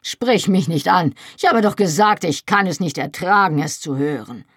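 A woman's voice: lowish voice, expressive, moderate pace, slightly rough, no room sound, studio quality, voice pushed up. A woman reading the part of an anguished, proud young man, speaking in pained, bitter outbursts. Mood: desperate.

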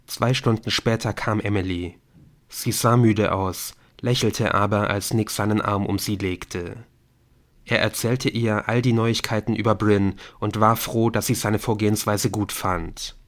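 A man reading a novel aloud as an audiobook narrator, in a slow, measured reading. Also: fairly low pitch, steady tone.

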